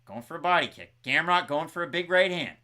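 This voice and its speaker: A man co-hosting a live fight watch-along, calling the action with excited play-by-play and reading out fan scores. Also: a little high, brisk. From Canada. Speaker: co-host.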